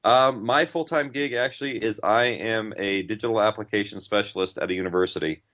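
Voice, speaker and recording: Fairly quick and somewhat bright, his low voice carries a podcast writer and director's rambling, excited chat as an interview guest, captured on dull, lo-fi audio.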